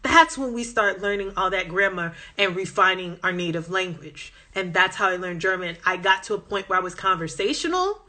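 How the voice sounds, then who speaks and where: This language-learning Instagram host, a woman with a Southern American accent, chats passionately on a phone live stream and reads viewer comments as she goes. Her voice is lowish, pushed and bright, and she speaks at a moderate pace with few pauses.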